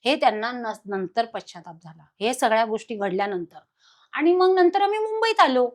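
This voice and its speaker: A woman guest telling a personal haunting story in an animated, dramatic way. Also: on the high side, normal speed. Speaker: podcast guest.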